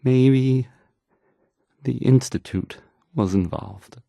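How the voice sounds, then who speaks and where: An actor voices an awkward, insecure male radio DJ in a video game, stammering and hesitating through his news links with anxious, unsure, self-doubting halts. His medium-pitched voice has vocal fry and a warm tone, recorded in a clean studio with no room sound.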